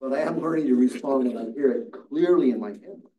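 In a church classroom with seated listeners, an older man with a medium-pitched, brisk, warm voice teaches Bible study for Sabbath school, recounting a story earnestly and restarting his words often. The sound is lo-fi, distant and echoey.

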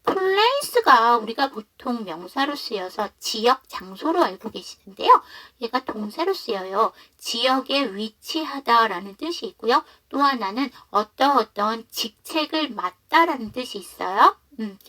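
A woman teaching an online English lesson who explains patiently and reads example sentences slowly. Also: a little high, very animated, sharp tone.

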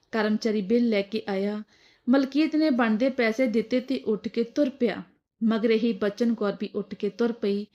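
A woman narrating a moral story in a steady, plain telling. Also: on the high side, muffled recording.

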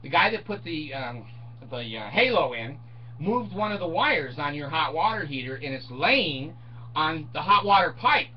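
A man's voice: on the high side, moderate pace. An older man telling a story in a casual, sarcastic rant at home, laughing often as he talks. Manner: laughs often, animated and sarcastic, mimics others. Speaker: vlogger. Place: small room at home, indoors. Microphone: webcam in front of him. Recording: dull distant webcam sound with faint hiss.

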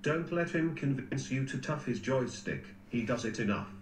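A man's voice: mid-range voice, expressive, moderate pace. A synthetic male text-to-speech voice reading out stream donation messages. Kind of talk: flat read-out of stream messages. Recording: echoey speaker playback with faint noise.

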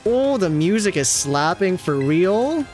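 Guy reacting to a game, casual and jokey, voice a bit high, game music faint in the back. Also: very animated, slow, a little mellow. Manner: chatty and reactive, joking about the game. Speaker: gaming video host. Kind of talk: casual gameplay commentary.

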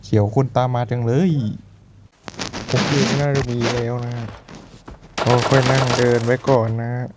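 A man's voice: medium pitch, flat delivery, normal speed, pauses often, heavy background noise. A man with a Thai accent giving casual, chatty commentary while playing a shooter game, laughing often and explaining as he goes. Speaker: gaming YouTuber.

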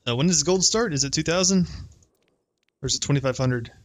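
A man's voice: a little high, a little fast, no room sound. A male game streamer with a stuffed-up nose from allergies, chatting casually and joking, with a nasal sound. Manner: joking, profane, laughs often. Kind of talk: casual livestream gameplay chat.

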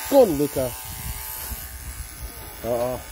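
A woman's voice: extremely low pitch, slow pace. Scottish woman bantering over buzzing clippers. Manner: swearing, joking, relaxed. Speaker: farm helper chatting during shearing. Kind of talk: casual banter. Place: outdoor sheep pen. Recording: outdoor noise and clipper buzz.

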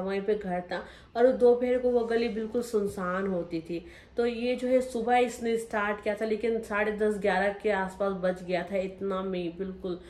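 A woman's voice: a little high, mellow. Young woman telling her own story emotionally. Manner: emotional, talks straight to viewers and re-enacts scenes. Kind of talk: personal story narration. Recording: roomy echo.

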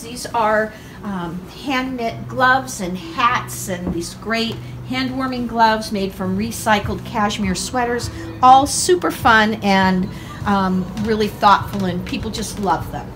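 A woman's voice: a little high, background noise. An older woman who owns a farm gift shop, walking through it and cheerfully describing what is on the shelves in a casual tour. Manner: upbeat, enthusiastic, listing items. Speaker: shop owner giving a tour. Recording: roomy shop with music behind.

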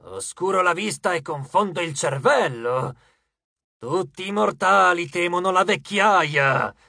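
Ancient spirit of old age for an audiobook; slow, growling, menacing male as the narrator puts him on, a flat dry studio sound. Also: mid-range voice, gravelly, dry recording, full character voice. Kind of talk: audiobook character voice.

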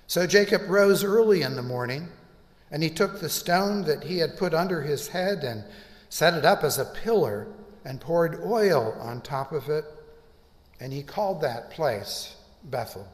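An older man gives a sermon at a church pulpit, with a somewhat high voice and a very slow, deliberate delivery full of pauses. His voice rings through a large sanctuary with a long echo. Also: animated. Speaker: pastor. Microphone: pulpit microphone. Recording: reverberant church hall.

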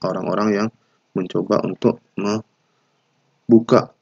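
Gravelly, husky man giving a lecture. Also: on the low side, fairly even intonation, no echo, highs cut off. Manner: unhurried explaining with frequent "ya" tags and hesitations. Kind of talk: recorded university lecture.

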